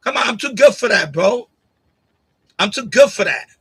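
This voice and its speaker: A Puerto Rican man hosting a relaxed live stream from his home setup talks into a USB condenser mic on a boom arm, arguing bluntly with commenters, repeating himself and laughing often. His voice sits high with big pitch swings, a moderate pace, a bit of brightness and a breathy edge.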